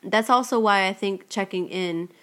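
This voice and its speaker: A woman's voice: mid-range voice, moderate pace, fairly bright tone. A young woman co-hosting a casual talk podcast, thoughtful, laughing often and repeating words as she thinks. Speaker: podcast co-host. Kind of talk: casual conversation.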